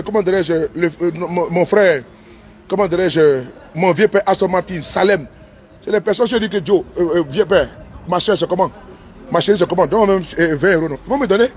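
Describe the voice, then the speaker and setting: High-voiced man rambling live from his car. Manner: repetitive, talkative, mixes in broken English. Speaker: live streamer. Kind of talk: rambling livestream monologue. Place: inside his parked car with engine running.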